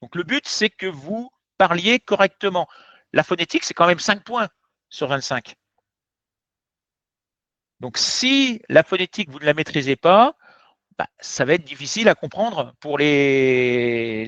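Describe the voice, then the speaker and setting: Guy teaching a lesson, direct and emphatic, high lively voice, dry dull sound. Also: unhurried, pauses often, no echo. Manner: direct, emphatic, addresses viewers as vous. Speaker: French teacher. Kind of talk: explanatory lesson. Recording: dull, slightly muffled sound.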